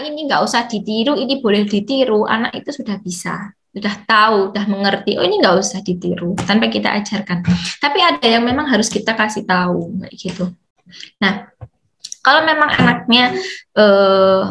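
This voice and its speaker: An educator for parents of children with hearing technology, this woman has a voice on the high side with a fairly bright tone. She runs the parent seminar patiently, filling her explanations with frequent fillers and reading questions out.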